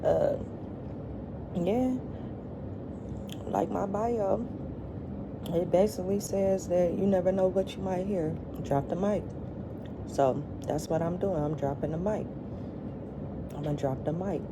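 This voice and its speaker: A middle-aged woman vlogger chatting casually to her viewers while eating, in a halting, colloquial way. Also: fairly low pitch, background noise.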